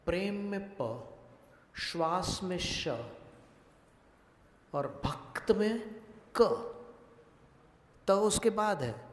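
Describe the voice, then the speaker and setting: A male monk giving a religious discourse, teaching Sanskrit pronunciation slowly and deliberately and putting questions to his listeners. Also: sits high, expressive. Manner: slow, deliberate, questions the audience. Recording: echoey hall with long reverb.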